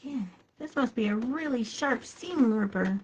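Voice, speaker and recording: As a quilting shop host, this woman runs a live sewing demo and chats away to her viewers and to herself while she works. An adult with a child, she speaks at a moderate pace in a husky, high-leaning voice with lively intonation, and the recording is rough.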